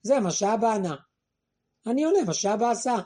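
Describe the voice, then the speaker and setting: A man teaches a Torah class in an animated way, posing questions and then answering them himself. When he quotes verses or the words of various figures, his voice drops lower and quieter.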